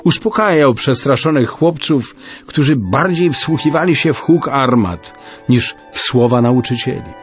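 A man narrating a storybook in an expressive reading style. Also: medium pitch, a little slow, faint music behind.

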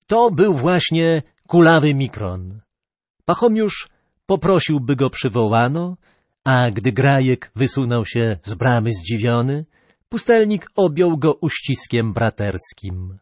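A man narrating a legend as an audiobook in a measured, expressive storytelling way. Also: medium pitch, dry recording.

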